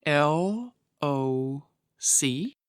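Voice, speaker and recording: A woman reading questions in a scripted English lesson, in a deliberate manner. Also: low-pitched, animated, clear, resonant tone, no room sound, studio quality. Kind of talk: slow scripted lesson dialogue.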